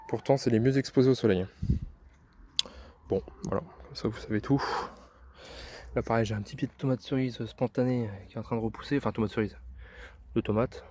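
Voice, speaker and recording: A man's voice: mid-range voice, warm tone. A man from France giving a casual, hesitant tour of his vegetable garden as a vlogger, filming on a phone outdoors. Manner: chatty, hesitant with many fillers, self-deprecating. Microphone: handheld phone camera. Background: neighbours' party.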